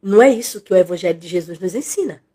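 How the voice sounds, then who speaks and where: A woman's voice: on the low side, lively intonation, racing, mellow, breathy edge. A woman teaching an expository Bible study in a conversational way, repeating phrases and acting out what people say.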